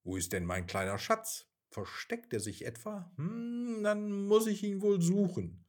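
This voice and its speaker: A man voicing a gentle, playful mother coaxing her child to bed, in a coaxing singsong. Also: sits high, very animated, unhurried, pitched above the performer's own voice.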